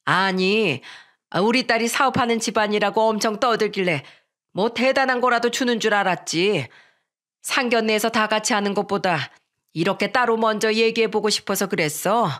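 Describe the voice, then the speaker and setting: A woman's voice: mid-range voice, normal speed, fairly bright tone, close to an everyday voice. A woman voicing a brazen, condescending middle-aged future mother-in-law in a narrated radio story.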